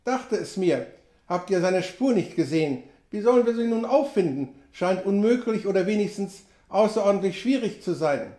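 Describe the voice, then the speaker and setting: A man's voice: high voice, expressive, normal speed, mellow, pitched above the performer's own voice. A man voicing a chatty, folksy old frontier trapper who talks in clipped, colloquial phrases and exclaims often. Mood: teasing. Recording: roomy echo.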